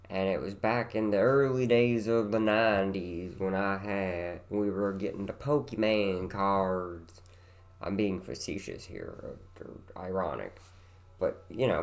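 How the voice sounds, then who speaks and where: A man's voice: fairly low pitch, vocal fry. A tired man in his thirties talks casually to the camera in a light West Virginia country accent. He rambles and meanders, pokes fun at himself, and drifts into repeating his words. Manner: meandering and self-deprecating, trails off into repeated words. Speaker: vlogger.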